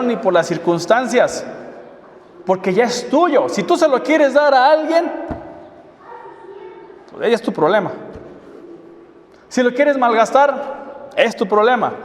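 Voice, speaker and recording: In a church hall, a high-voiced man delivers a sermon, peppering the congregation with rhetorical questions. He's recorded from afar, and his voice rings out through the large, echoey space with a long reverb.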